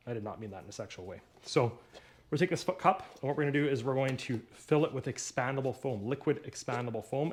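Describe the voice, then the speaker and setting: A man hosting a casual do-it-yourself video, rambling and joking with himself while he works through a repair in his home workshop. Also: mid-range voice. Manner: rambling, jokey, talks to himself while working. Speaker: DIY video host.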